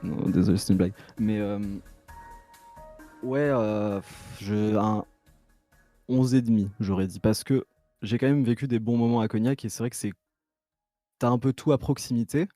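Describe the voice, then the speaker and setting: A man speaking as a guest in a relaxed chat. His voice is low and warm, and he hesitates and jokes between fillers. Soft music plays faintly behind him. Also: moderate pace, long pauses. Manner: hesitant, jokey, many fillers. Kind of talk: casual chat.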